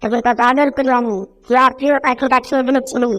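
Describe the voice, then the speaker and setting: A stern cartoon house mistress who scolds her pet cat and threatens him, as a woman puts her on. Her voice is a touch higher than an everyday one and firm. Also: steady tone, fast, fairly bright tone. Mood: angry. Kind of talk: Bengali fan cartoon dub.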